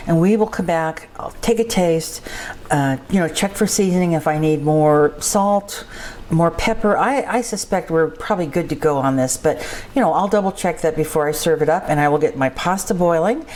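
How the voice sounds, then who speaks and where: A woman's voice: sits low, moderate pace, darkish tone. A woman casually narrating while cooking, talking conversationally as host and repeating phrases for emphasis. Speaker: home cook and show host.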